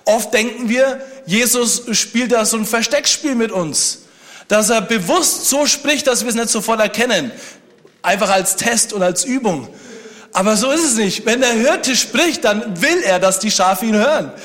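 A man's voice: extremely high pitch, moderate pace, fairly bright tone. A man preaching a sermon, speaking conversationally and joking with the congregation. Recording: long hall reverb.

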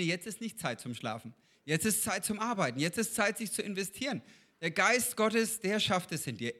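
A man with a high, bright and forceful voice preaches in a relaxed, conversational way. He talks to his listeners directly and asks them questions as he goes. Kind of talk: informal sermon.

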